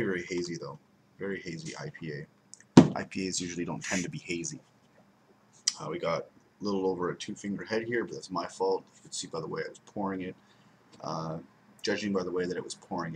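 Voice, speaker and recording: Speaking a little fast in a deep voice, a young adult man offers a rambling, casual beer review from indoors at home near the window blinds. He repeats words for emphasis, and background noise runs under the desk webcam recording.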